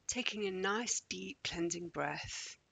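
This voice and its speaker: A man leading a guided morning meditation in a slow, gentle, calming way, often dropping close to a whisper. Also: high-pitched, vocal fry, dry recording, poor audio.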